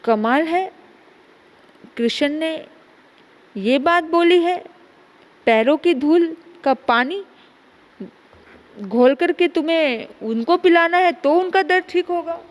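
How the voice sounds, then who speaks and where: A woman's voice: very high-pitched, expressive, slow pace, pauses often, in a large hall. A woman preacher telling a devotional story with emphatic, dramatic delivery.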